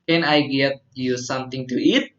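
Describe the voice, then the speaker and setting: Man, English teacher, slow patient delivery, muffled lo-fi sound. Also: medium pitch, fairly even intonation, fairly bright tone. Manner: patient, repeats phrases for drilling. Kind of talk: classroom teaching simulation. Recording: muffled lo-fi recording.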